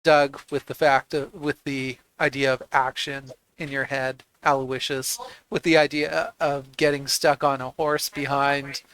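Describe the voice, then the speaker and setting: A man narrating as game master of a tabletop roleplaying game, piecing scenes together haltingly as he goes. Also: medium pitch, level tone, a bit bright, clear, resonant tone, poor audio.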